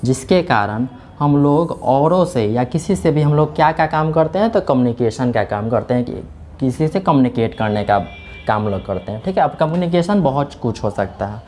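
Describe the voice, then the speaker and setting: A man teaches a class in an animated, medium-pitched voice with a darkish tone, keeping a moderate pace, with a little hiss or hum on the recording. He explains each step in turn, habitually says "theek hai," and responds to his own questions.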